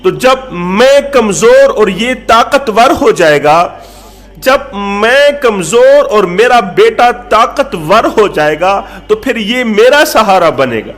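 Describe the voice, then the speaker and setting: A man preaching a moral story to his listeners. His voice is high-pitched for a man, and he drives his points home by restating each phrase. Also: expressive, fairly bright tone. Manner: emphatic, repeats phrases. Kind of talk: sermon storytelling.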